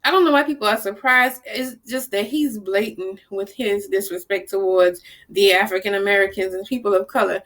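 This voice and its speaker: A vlogger from New Orleans in the US South chats casually to camera, telling stories with animation at a normal speed and medium pitch. She acts out the people she quotes and is blunt and salty.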